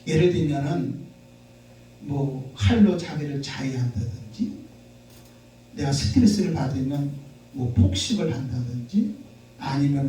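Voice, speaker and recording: A male pastor preaching a sermon with animated call-and-response delivery that rises into shouts. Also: on the high side, very echoey, recorded from a distance, a little hiss or hum, rough recording. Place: church sanctuary.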